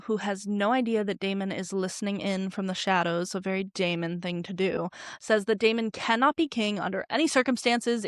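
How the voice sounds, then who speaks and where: A woman hosting a casual TV recap, opinionated and animated, with sarcastic asides. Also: medium pitch, dry recording, studio quality. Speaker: TV recap host.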